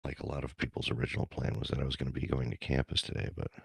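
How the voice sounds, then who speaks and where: A man moderating a panel over a video call, speaking in a relaxed way. His voice sits extremely low with a gravelly fry and a breathy huskiness. The sound is dry and close. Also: racing, no room sound. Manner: relaxed, joking about sounding like AM radio. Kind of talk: casual video-call chat. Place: room at home with a ceiling fan. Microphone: computer mic on a video call.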